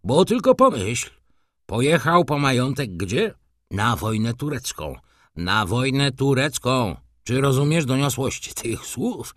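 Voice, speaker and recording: A man's voice: mid-range voice, big pitch swings, slow pace, fairly bright tone, dry recording, studio quality, exaggerated voice. A man voicing an indignant, gossiping middle-aged councillor in an audiobook, ranting with scandalized outrage.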